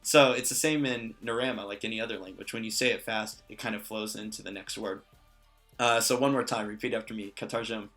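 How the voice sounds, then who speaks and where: A man teaching a language lesson in a relaxed way, with many fillers and joking asides. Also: on the low side, a little fast, soft background music. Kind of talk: casual lesson.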